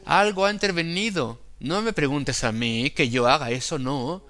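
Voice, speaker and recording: A man preaching a sermon, quoting scripture and acting out inner temptations, with slow, deliberate emphasis. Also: fairly high pitch, a bit bright.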